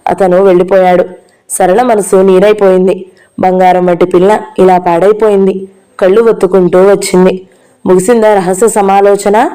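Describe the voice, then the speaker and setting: A woman's voice: on the low side, level tone, moderate pace, mellow, clean tone, poor audio. A woman narrating a novel as an audiobook, reading all the dialogue in her own voice. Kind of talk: reading a novel aloud, voicing all characters.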